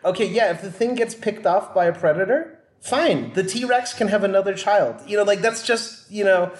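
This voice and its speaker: A man's voice: sits high, normal speed. A man co-hosting a podcast, chatting casually and wryly about movie plot holes. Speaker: podcast co-host. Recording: roomy echo.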